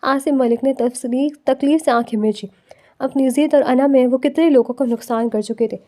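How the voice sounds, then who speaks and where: High-voiced woman narrating a romance novel. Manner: steady storytelling reading.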